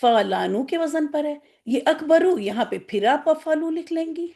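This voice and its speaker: A woman's voice: sits high, expressive, darkish tone. A woman teaching an online Arabic grammar class to women students, explaining patiently and giving firm reminders.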